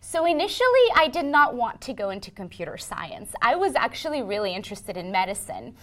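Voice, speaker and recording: Speaking briskly in a slightly high, fairly bright voice, this middle-aged software engineering manager from Ukraine is very animated. During a conversational interview, she explains her job earnestly through colorful analogies.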